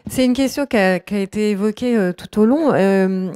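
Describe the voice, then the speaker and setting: A woman moderating a panel debate, asking questions in a slightly halting way. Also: mid-range voice, warm tone, smooth. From France.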